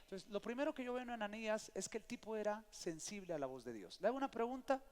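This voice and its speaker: Speaking quickly in a high-pitched voice, a middle-aged man leads a sermon as pastor of a church. He spins lively stories and calls out for amens, with the sound echoing through the long reverb of the sanctuary.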